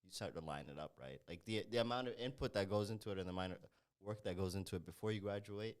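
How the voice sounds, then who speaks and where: A man's voice: on the low side, fast talker, clean tone. A man in his twenties from Ethiopia, co-hosting a podcast in casual chat and laying out his points one after another. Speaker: podcast co-host.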